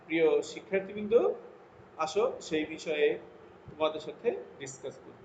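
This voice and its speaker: A man teaching an English grammar lesson to students, reading his English example sentences out slowly and deliberately between his explanations. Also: a little high. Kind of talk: recorded classroom lesson. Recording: lo-fi echoey room with faint noise.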